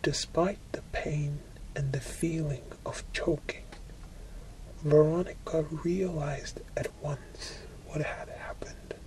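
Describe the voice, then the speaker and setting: Very slow whispered ASMR reading. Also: mid-range voice, steady tone, low-quality recording. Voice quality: soft, breathy whisper. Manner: slow, deliberate, with frequent pauses. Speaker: ASMR reader.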